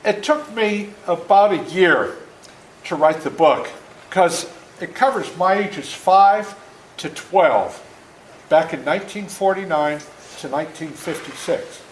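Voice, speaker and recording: A man in his seventies, the book's author, reads slowly to children in an indoor school room, his voice sitting high. His style is folksy, interactive, and animated, with moments acted out. The recording has a roomy echo and faint background noise.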